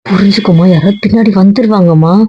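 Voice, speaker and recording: A woman's voice: mid-range voice, fast, husky. A young woman playing the wife in a comic couple skit, pleading and coaxing, repeating herself often. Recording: dull lo-fi audio.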